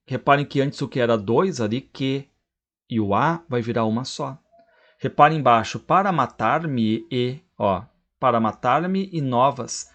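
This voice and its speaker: Professor explaining patiently. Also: male voice, mid-range voice. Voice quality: slow, drawn-out syllables when reading verse aloud. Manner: explains step by step, tag questions. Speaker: literature professor. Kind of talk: recorded lecture.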